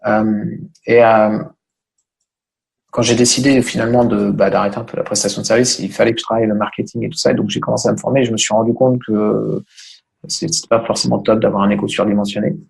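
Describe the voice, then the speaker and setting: A man's voice: fairly low pitch, flat delivery, quick pace, gravelly, darkish tone. A man being interviewed as a podcast guest, talking casually and thinking aloud as he explains. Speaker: podcast guest, online business owner.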